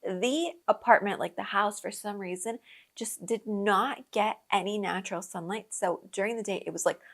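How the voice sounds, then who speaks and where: A young woman, born in Colombia and raised in the US, hosts a podcast where she tells travel stories in a casual, chatty way. Her mid-range voice is creaky and a bit bright, moving at a moderate pace, and she uses lots of fillers, laughs often, and acts out her own reactions.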